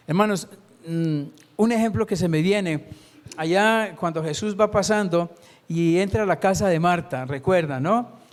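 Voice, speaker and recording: A man, preaching a Sunday sermon as a lay preacher and putting rhetorical questions to the congregation. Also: sits high.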